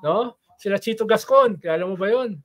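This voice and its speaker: A man in casual political talk who tells stories with frequent tag questions and an animated delivery. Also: high voice, a little fast. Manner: animated, voice rises when quoting chants. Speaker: political commentator guest.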